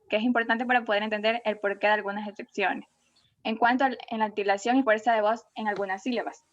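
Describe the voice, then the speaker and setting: A woman student reading her class presentation aloud in a careful, even way. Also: medium pitch. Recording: dull lo-fi audio.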